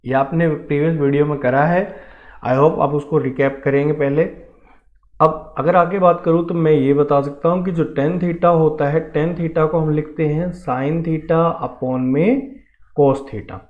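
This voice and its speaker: A man with an Indian accent teaches an online math lesson, his voice sitting a little high. He explains steadily and encouragingly, checking often that his students keep up. The sound is thin and phone-like, with a roomy echo. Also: fairly even intonation, unhurried. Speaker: math teacher for defence entrance exams. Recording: tinny phone-like audio with room echo.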